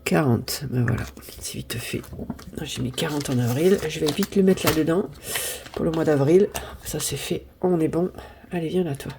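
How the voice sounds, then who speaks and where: A woman's voice: deep voice, normal speed, vocal fry, background noise. A woman in her fifties chatting casually at home as she sorts and counts her savings, apologizing often and exclaiming when pleased. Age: 50s. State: sniffling from pollen. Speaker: budgeting vlogger. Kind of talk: casual chat.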